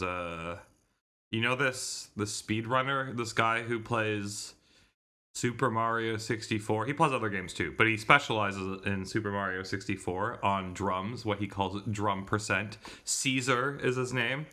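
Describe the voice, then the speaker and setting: On his visual novel readalong livestream, a man in his thirties talks a little slowly in a voice on the low side with a sharp tone. He chats casually and meanders through tangents, regularly correcting himself.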